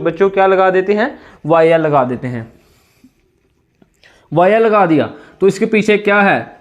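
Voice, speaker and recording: A man teaching chemistry in a classroom-style lecture with a sore throat, asking students questions and answering them himself in repeated call-and-response. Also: high voice.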